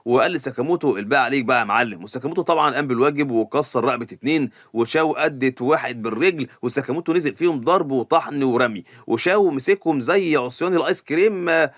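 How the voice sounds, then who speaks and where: A man's voice: on the high side, very fast, no echo, clean studio sound. A man with an Egyptian Arabic accent narrating an anime recap casually, with joking asides to the viewers.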